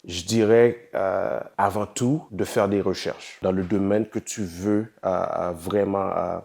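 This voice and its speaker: Deep low-voiced guy from saint-martin, lots of euhs, musician chatting in an interview, throws in english bits. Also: fairly even intonation, unhurried, creaky, darkish tone. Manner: hesitant, many fillers, slips into English. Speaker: musician and charity founder, interview guest. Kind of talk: casual interview answers.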